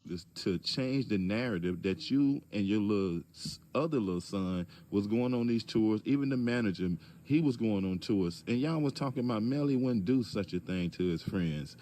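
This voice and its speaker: Brief: man, low voice, measured and pointed, AAE features, calls someone out directly. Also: a little hiss or hum. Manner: calm but pointed, rhetorical questions. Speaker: commentator addressing a public figure. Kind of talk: direct-address video commentary.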